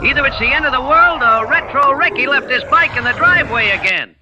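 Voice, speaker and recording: A man's voice: extremely high pitch, expressive, brisk, highs cut off, heavy background noise, voice pushed up. A man voicing an exasperated male neighbor who complains in a cartoon.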